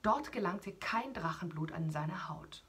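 A woman, a radio host, reading a children's story aloud in an animated way, often whispering and adding little asides to children. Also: fairly low pitch, measured pace, husky.

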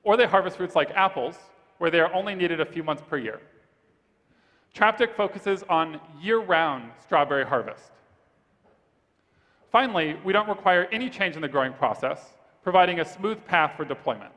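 A man pitching his startup on stage, then answering judges' questions in a steady, rehearsed way. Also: moderate pace. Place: large event hall stage. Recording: reverberant conference hall.

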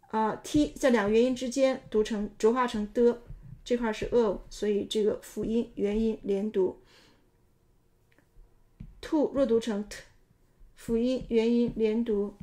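A methodical female pronunciation instructor narrates an explanatory lesson, going step by step. Her voice is fairly high in pitch with a dark tone.

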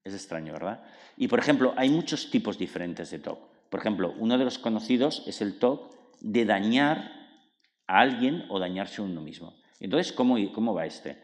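A man giving a public book talk as author and psychologist, explaining lively and acting out inner dialogues with many tag questions. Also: on the low side, moderate pace. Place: cultural centre hall. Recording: long hall reverb.

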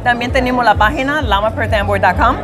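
A woman's voice: fairly high pitch, brisk. A woman in her thirties giving casual interview answers, mixing English words into her Spanish. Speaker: motorcycle club member, interview guest. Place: large indoor hall with a gathering. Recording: music and crowd chatter behind.

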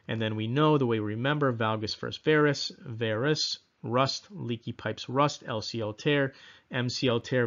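Male instructor, mid pitch, relaxed lecture with ums, somewhat muffled recording. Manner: casual, self-deprecating, repeats mnemonics with filler ums. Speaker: exam review instructor. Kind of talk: recorded exam-prep lecture.

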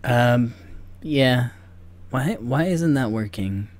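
A young video game livestreamer chats casually with viewers over background music, rambling and poking fun at himself in a distracted way. His medium-pitched voice is slow and a little mellow, with lively intonation, captured on a boom-arm microphone.

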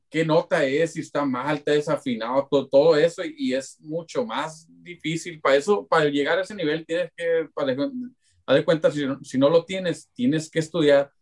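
Halting man co-hosting a podcast. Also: a little high. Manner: halting, repeats words while searching. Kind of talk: casual interview chat.

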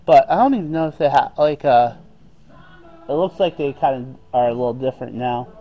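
A man's voice: medium pitch, a little fast, muffled recording. A man filming himself while shopping for a hat in a big western wear store, asking rambling, hesitant questions in casual chat. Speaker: vlogger shopping as customer. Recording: store music faintly behind.

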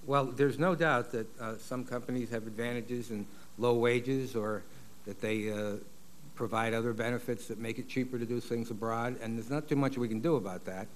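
A man's voice: mid-range voice, steady tone, a little hiss or hum. An older man testifying as an expert witness, blunt and confident, on a desk mic in a large paneled hearing room. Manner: blunt, confident, drawn-out fillers. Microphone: desk microphone.

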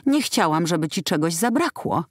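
A woman's voice: fairly low pitch, very animated, normal speed, dry recording, clean studio sound. A woman voicing a cheerful young woman who fusses over food and coos with diminutives. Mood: doting. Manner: cooing, full of diminutives.

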